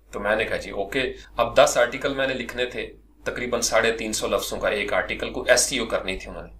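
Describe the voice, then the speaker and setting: A middle-aged man from Pakistan, a freelancer, telling his own career story as a lively personal monologue, often addressing his listeners politely. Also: medium pitch.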